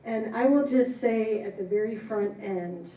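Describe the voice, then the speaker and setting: A woman gives an informal, appreciative presentation in a soft-edged, mellow voice. She is emphatic in her phrasing. The recording is echoey and a little distant, with faint noise. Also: medium pitch, measured pace. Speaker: biology professor giving a talk.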